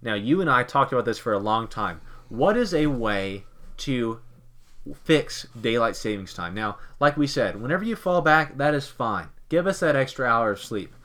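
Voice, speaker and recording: Rambling and cracking jokes, this Kentucky podcast host fires leading questions at his cohost on their casual show. He speaks at a moderate pace in an expressive, fairly bright voice of middle pitch.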